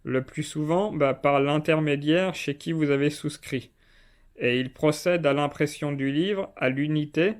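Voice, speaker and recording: A man talks through his topic in a relaxed, chatty vlog, addressing the viewer directly. His voice sits a little high and comes across smooth and clear. He was recorded indoors. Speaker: self-publishing video host. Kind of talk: casual explainer vlog. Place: indoors, not at home.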